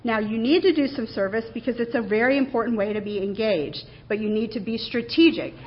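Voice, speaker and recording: A woman's voice: a little high, a little fast, muffled recording. A woman, a university administrator, giving a conversational presentation to faculty, earnest and emphatic as she stresses key words.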